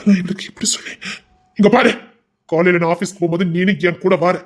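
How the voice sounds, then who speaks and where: Fast-talking stern husband, insistent. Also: male voice, sits high, steady tone. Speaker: husband in a village family drama. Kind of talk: colloquial Tamil family drama acting.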